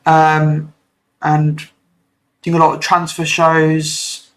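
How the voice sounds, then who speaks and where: A man's voice: fairly high pitch, completely flat delivery, drawn-out words, fairly bright tone, rough recording. Easygoing man with lots of ums. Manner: hesitant, filler-heavy, easygoing. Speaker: guest streamer. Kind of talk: casual livestream chat.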